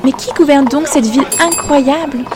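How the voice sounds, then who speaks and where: A woman voicing a spoiled young princess in a storybook reading, speaking high and exclaiming. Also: moderate pace, background noise, natural voice. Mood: wistful. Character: spoiled young princess, haughty then regretful.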